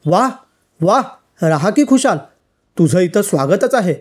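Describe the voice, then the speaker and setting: A woman voicing a kind, fatherly old mountain in a storybook tale, with a warm, welcoming manner. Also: on the low side, expressive, a little slow, husky.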